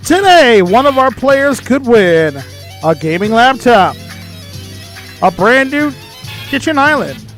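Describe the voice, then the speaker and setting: Booming high-voiced male prize announcer. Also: sing-song, a bit bright, soft background music. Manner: emphatic, projected delivery with drawn-out phrases. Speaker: game show host and announcer.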